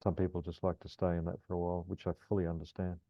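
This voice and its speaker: Male meditation guide, deep and soothing, calm grounding instruction, slightly dull lo-fi recording. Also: very fast. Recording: roomy, slightly dull lo-fi sound.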